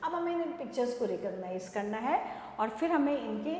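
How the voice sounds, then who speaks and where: A woman with an Indian English accent teaching a phonics lesson to young children, sounding out each word slowly and asking the class questions. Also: fairly high pitch, expressive, a little mellow, slight background noise. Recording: echoey room with long reverb.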